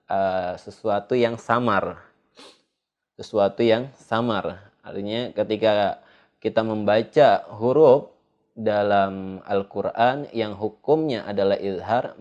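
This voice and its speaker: A man from Indonesia teaching a tajwid lesson in a studio, unhurried and pausing on fillers as he explains. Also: fairly low pitch, a little mellow, muffled recording. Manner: unhurried, hesitant with "eh" fillers, sings out drawn-out recited examples. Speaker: Quran recitation teacher. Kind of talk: slow tajwid lesson with recited examples.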